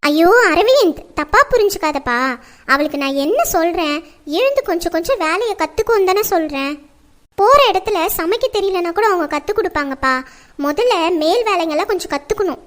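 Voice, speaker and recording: A woman playing a nagging, very high-voiced mother. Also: lively intonation, brisk. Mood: persuading. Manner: scolding, lecturing. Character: nagging middle-aged mother, strict and fretful. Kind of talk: family drama acting.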